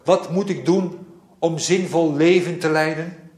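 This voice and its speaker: A man delivering a sermon at a very slow, deliberate pace, his voice sitting a little higher than most men's. He dwells on repeated phrases in a measured, reflective way. The sound rings with the echo of a church hall. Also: steady tone, a little mellow, a little hiss or hum. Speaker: preacher.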